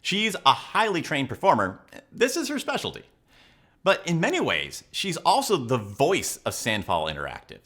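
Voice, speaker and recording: A body language and leadership coach hosts a video, offering viewers analytical commentary in an emphatic, instructional way. His voice is on the high side, a bit bright and husky, with huge pitch swings at normal speed.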